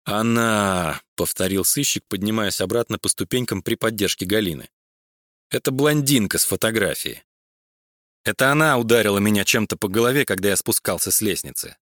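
A man's voice: lowish voice, lively intonation, fairly quick, a bit bright, dry recording, studio quality. A man voicing Igor, an exasperated private detective protesting and recalling an attack, in a crime audiobook. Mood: agitated. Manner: exasperated, pleading. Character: indignant male private detective, middle-aged.

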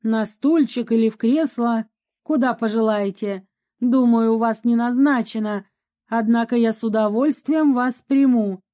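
Woman doing a courteous middle-aged doctor, polite, measured, mellow tone. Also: a little high, lightly acted. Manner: polite, welcoming, slow and measured. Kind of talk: audiobook reading.

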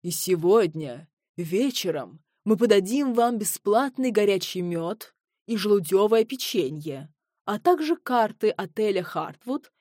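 A measured, formal badger who runs the hotel, voiced by a woman reading a storybook. He talks slowly and tries to reassure. The sound is dry and close. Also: medium pitch, expressive, warm tone, dry recording. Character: badger hotel owner, male, formal and steady.

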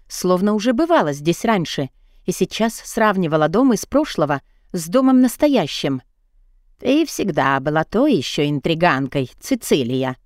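A woman narrating a novel in the first person, in an even storytelling manner. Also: on the low side, no echo, studio quality. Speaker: audiobook narrator.

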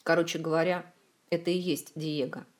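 A woman's voice: low voice, level tone, moderate pace, close to an everyday voice. A woman voicing a gloomy, blunt male prince who speaks sullenly and to the point.

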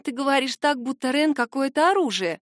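A woman reading the lines of a gentle, hopeful young female mage who is a friend. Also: sits high, lively intonation, a little fast, dry recording, studio quality, voice pushed up. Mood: gentle, cheerful.

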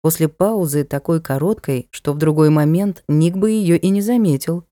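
A woman narrating a fantasy audiobook in an even, measured way. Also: sits low, no room sound, clean studio sound.

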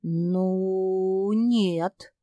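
A woman voicing a sharp, observant young female animal who speaks curtly and matter-of-factly. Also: medium pitch, steady tone, very slow, no echo, studio quality, faint music behind. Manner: curt, matter-of-fact.

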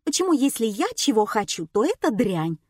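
A woman voicing a shrill, excitable, greedy woman tourist in an audiobook. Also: slow, no room sound, studio quality. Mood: squabbling.

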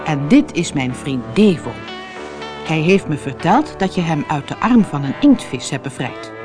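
A woman's voice: sits low, sing-song, a little slow, music in the background. A woman voicing an ancient, kindly male wooden submarine in a storybook, reassuring with a laugh. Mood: jovial.

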